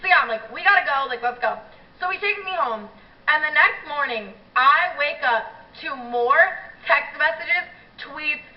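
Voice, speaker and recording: A young woman tells a story in a casual vlog, animated and profane, with filler words in almost every phrase. Her voice sits a little high. She is heard from some distance in an echoey room, and the recording sounds dull. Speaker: YouTuber.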